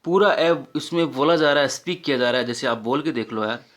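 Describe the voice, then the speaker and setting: A man's voice: medium pitch, fairly quick, fairly bright tone. A man teaching a casual phonetics lesson, patiently explaining and repeating vowel sounds aloud.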